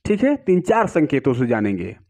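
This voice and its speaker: A man's voice: mid-range voice, very animated, normal speed, darkish tone. A man teaching a music lesson, explaining notes patiently and often asking his students questions. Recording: slightly dull, lo-fi sound.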